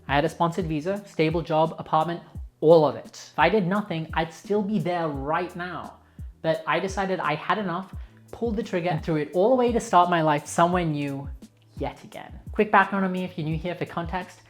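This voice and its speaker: A woman's voice: fairly low pitch, fairly quick, faint music behind. A young Australian woman narrating her vlog in a frank, outspoken, opinionated way. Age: young adult. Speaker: vlogger.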